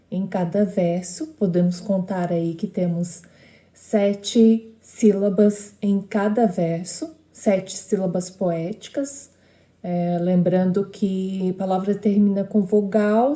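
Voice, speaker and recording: A woman's voice: mid-range voice, mellow, roomy sound. A woman teaching a lesson on poetic meter, explaining step by step and often checking in with short tag questions.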